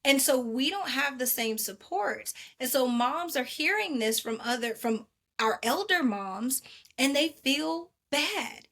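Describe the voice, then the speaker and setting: Bright animated woman telling stories. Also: sits high, slow pace. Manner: animated storyteller, acts out quotes. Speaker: podcast guest, maternal wellness advocate. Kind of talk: casual podcast interview.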